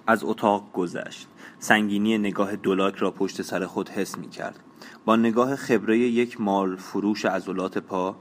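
A man narrating a novel in a steady, measured reading, now and then adding brief casual asides. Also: fairly low pitch, a little hiss or hum. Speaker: audiobook narrator.

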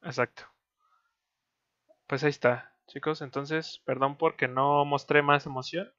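A man's voice: on the high side, steady tone, measured pace, fairly bright tone, dull audio. A man with a Mexican Spanish accent hosting a stream in casual chat over an online call, loose and joking, with lots of fillers. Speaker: stream host.

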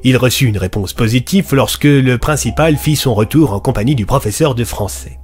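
Man narrating a story over soft music. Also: mid-range voice, brisk. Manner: steady storytelling.

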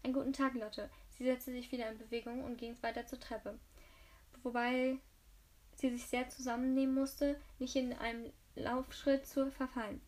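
A woman's voice: on the high side, level tone, moderate pace, darkish tone. A woman reading a novel aloud who often stumbles and restarts her words. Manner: frequent slips and restarts. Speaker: audiobook reader.

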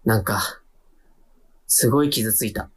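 Here an actor voices a timid young man who narrates his own radio drama, sprinkling his inner monologue with wry jabs at himself. His voice sits fairly low and sounds a little slow, with a breathy edge.

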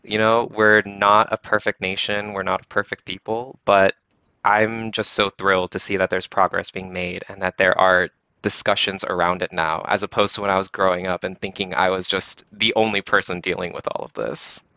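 A man's voice: deep voice, little pitch movement, normal speed, pushed and bright, clear, resonant tone, no room sound. A man in a casual discussion, talking in an earnest, reflective way with many filler words. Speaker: panel guest. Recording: dull lo-fi dry recording.

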